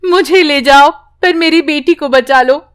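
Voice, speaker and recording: A woman's voice: high voice, a little slow. Woman doing an urgent loving village mother.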